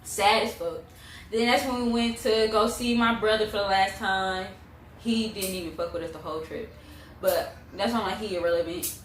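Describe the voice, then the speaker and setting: A woman's voice: medium pitch, fairly even intonation, normal speed. A young adult woman telling a personal story in casual, slangy, blunt vlog chat, swearing freely. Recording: roomy echo, distant mic, faint noise.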